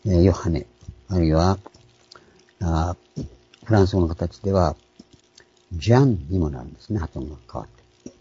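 A man, a pastor, giving a calm, explanatory sermon with frequent pauses and fillers. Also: low-pitched, slightly rough, no echo, highs cut off. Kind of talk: sermon on scripture names.

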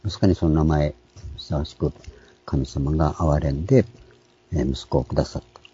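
A man, a pastor, giving a calm, explanatory sermon with frequent pauses and fillers. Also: rumbling low, dull audio. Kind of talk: sermon on scripture names.

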